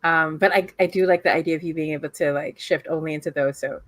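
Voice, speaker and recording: A woman's voice: low voice, steady tone, quick pace, no echo. A woman running a tabletop role-playing game, chatty, with lots of fillers and laughter. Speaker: game master.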